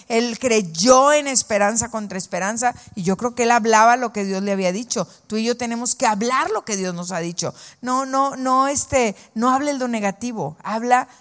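A woman preaching a sermon to women, reading scripture slowly and having the audience repeat lines after her. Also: a little high. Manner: slow, emphatic reading of scripture. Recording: long reverb of a hall.

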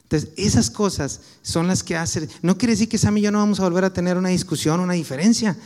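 A man's voice: high-pitched, fast talker, darkish tone, long reverb tail. A man with a Mexican Spanish accent preaching a sermon in a conversational, anecdotal way, full of casual slang.

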